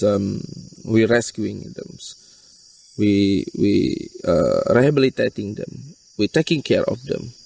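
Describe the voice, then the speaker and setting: A man with an Indonesian accent who works for a wildlife rescue NGO explains things in non-native English during an interview, halting and repeating phrases. His voice is lowish, creaky and a little mellow, captured by a distant mic with insects chirping.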